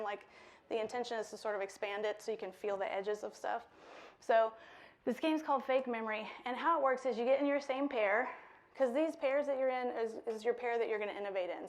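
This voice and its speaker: A woman leading an interactive workshop before a live audience, lively and playful, laughing often. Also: fairly high pitch. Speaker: workshop speaker. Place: lecture room with a live audience.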